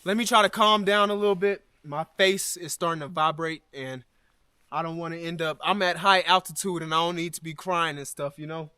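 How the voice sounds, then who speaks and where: A man's voice: a little high, steady tone, brisk, bright, forceful tone, clean tone, dry recording, studio quality. A man from Alabama, vlogging a solo hike outdoors in the snowy mountains, emotional and thankful as he talks to his viewers. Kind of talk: solo hiking vlog.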